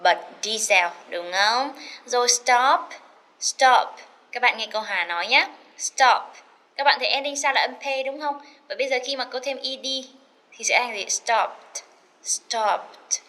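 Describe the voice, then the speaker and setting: A woman teaching an English lesson, chatty and encouraging, slowly repeating words to drill their pronunciation and mixing in English phrases. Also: fairly high pitch, bright, forceful tone. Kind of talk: recorded classroom lesson.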